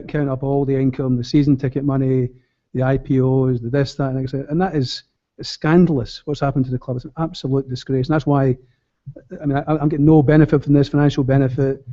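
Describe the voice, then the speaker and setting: A man's voice: mid-range voice, mellow. A man giving an earnest, emphatic, unscripted speech to a public meeting, repeating phrases for weight. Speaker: board candidate and campaigner addressing fans. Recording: dull, lo-fi meeting recording.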